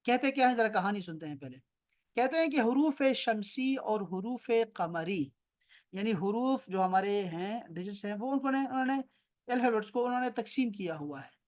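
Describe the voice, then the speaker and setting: Teaching Arabic online from his home near an airport, this man speaks in an expressive, high-pitched voice with a Pakistani Urdu accent. On the video call he slowly repeats terms with patience and tests students by name.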